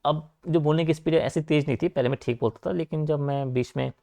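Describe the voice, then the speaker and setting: This gravelly-voiced young man coaches students from Uttarakhand, India, his pitch fairly high, his intonation fairly even, his tone mellow. In an online lecture with casual asides to the class, he speaks quickly and keeps reusing fillers such as "theek hai" and "aapka."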